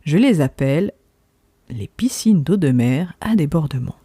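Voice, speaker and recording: Mellow-voiced woman hosting a podcast. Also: low-pitched, animated, a little slow, slightly rough, dry recording. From south of France. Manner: rhetorical questions, addresses listeners directly. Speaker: podcast host. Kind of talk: scripted podcast monologue, conversational asides.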